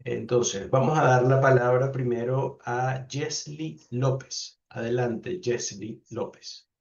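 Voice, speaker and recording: Male professor, mid pitch, polite, unhurried, heard from a distance on a dull call line. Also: fairly even intonation, gravelly. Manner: courteous, unhurried, thanks each speaker. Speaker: professor hosting an online class. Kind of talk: calling on participants in a video class. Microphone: video call.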